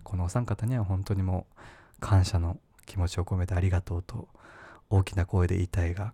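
A man's voice: low-pitched, warm tone, no room sound. A man hosting a podcast on his own, rambling and self-mocking with lots of fillers. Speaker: podcast host. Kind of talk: casual solo podcast talk.

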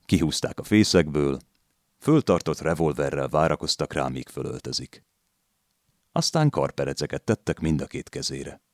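Deep-voiced man reading a novel. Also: lively intonation, dry recording, studio quality. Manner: measured, storytelling. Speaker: narrator. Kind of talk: literary audiobook reading.

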